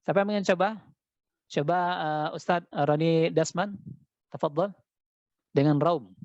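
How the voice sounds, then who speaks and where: Guy teaching quran reading online, slightly high voice, slow chanting then quick explaining, dull dry call audio. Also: a little mellow, dry recording. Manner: demonstrates recitation slowly, then explains quickly. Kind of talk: online tajwid class teaching.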